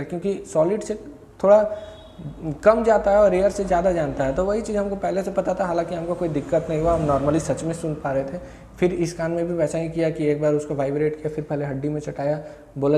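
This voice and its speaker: A man's voice: a little high, warm tone. A young man from India, telling a rambling, self-correcting story of his own as a vlogger. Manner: rambling, self-correcting, quotes others in short bursts. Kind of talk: casual first-person recounting. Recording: echoey room.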